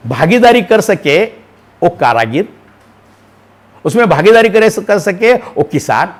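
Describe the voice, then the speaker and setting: A male speaker delivers a lecture in an oratorical way. His pitch swings widely, rising on rhetorical questions and dropping low. His voice sits a little high. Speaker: webinar speaker on education. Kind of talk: public lecture.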